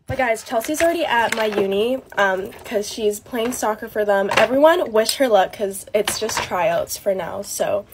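Teen girl, casual beauty vlog chat, loose and filler-heavy, steady noise under the voice. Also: medium pitch, normal speed, few pauses. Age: late teens. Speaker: beauty vlogger. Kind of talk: get-ready-with-me vlog chat.

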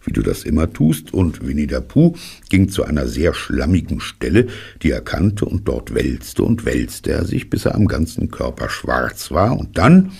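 An older man narrating a children's story for an audiobook, telling it with lively inflection. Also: rumbling low, moderate pace. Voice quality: gravelly, husky.

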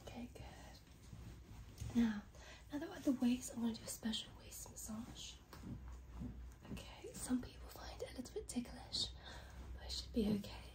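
Young female, whispered role-play as massage therapist, high-pitched, soothing client-care murmur in short phrases. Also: animated, normal speed, low-quality recording. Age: young adult. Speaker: ASMR performer playing a massage therapist. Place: small bedroom, indoors.

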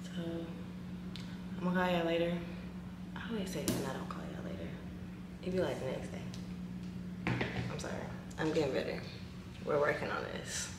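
A woman in her twenties from Texas, chatting casually to camera in a slangy, lively vlog. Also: low-pitched, moderate pace, long pauses, very noisy. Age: 20s. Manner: chatty, animated, uses slang. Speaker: vlogger. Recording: echoey room, recorded from a distance.

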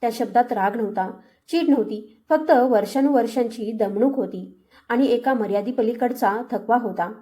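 A woman narrating a story in the first person, in a steady, heartfelt storytelling manner. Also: a little high, normal speed.

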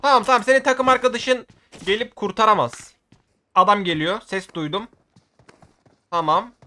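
A man giving excitable gameplay commentary for his video, often shouting at the game and using casual slang. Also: high voice, moderate pace. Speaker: gaming video creator.

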